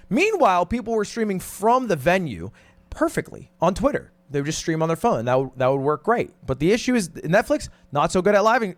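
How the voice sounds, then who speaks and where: A high-pitched man delivers blunt video commentary with big swings in intonation. He is exasperated and swears freely, and the recording is close and dry. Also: dry recording. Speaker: online commentator. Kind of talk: animated opinion video commentary.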